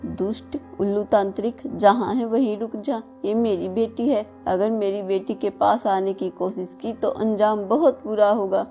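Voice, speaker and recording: A woman voicing a kind, motherly bulbul bird in a cartoon, with a gentle, caring manner. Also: mid-range voice, fairly even intonation, a little slow, few pauses, faint music behind, natural voice. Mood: protective firm.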